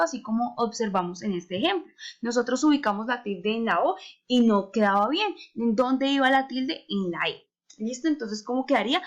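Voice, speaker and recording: A woman's voice: fairly high pitch, muffled recording. Patient woman teaching young children. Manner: patient, asks frequent rhetorical questions, stretches words to stress syllables. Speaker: primary school teacher. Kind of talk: recorded remote lesson for children.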